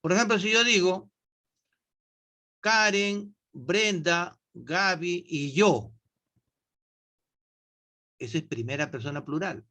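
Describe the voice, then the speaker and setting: Slow, patient male English teacher. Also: high-pitched, sharp tone. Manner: slow, patient, asks students questions. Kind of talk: online class explanation.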